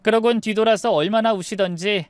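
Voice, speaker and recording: A woman's voice: medium pitch, a little fast, no room sound. A young woman telling her own story in the first person, confiding and reflective.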